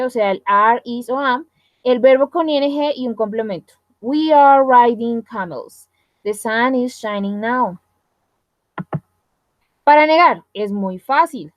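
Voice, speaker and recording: A woman's voice: on the high side, dry recording. A woman who teaches an online English grammar lesson, explaining step by step and checking in with "¿listo?" and "¿sí?".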